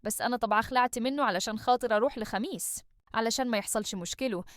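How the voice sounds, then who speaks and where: Fast-talking Egyptian woman storyteller. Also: fairly high pitch, no room sound, clean studio sound. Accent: Egyptian Arabic. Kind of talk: first-person story narration.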